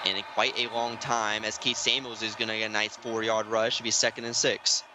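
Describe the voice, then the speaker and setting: A man doing play-by-play commentary for an online football game, keeping his voice hushed and excited, climbing high and loud on big plays. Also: fairly quick, background noise. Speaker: play-by-play announcer. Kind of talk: sports commentary. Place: home room, streaming.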